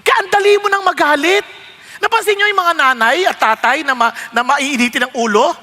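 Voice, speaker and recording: A man preaching as a pastor with a Filipino accent, animated, acting out the people in his stories. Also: very high voice, fairly quick. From Philippines. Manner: animated, acts out quoted people with shouts and laughs. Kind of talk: sermon with storytelling. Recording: long reverb of a hall.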